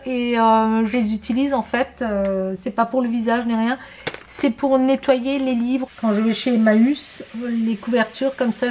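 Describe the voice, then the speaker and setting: Chatty woman, fairly high voice. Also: slight background noise. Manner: chatty, many hesitations and fillers. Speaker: vlogger showing shopping purchases. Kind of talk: casual chat to viewers.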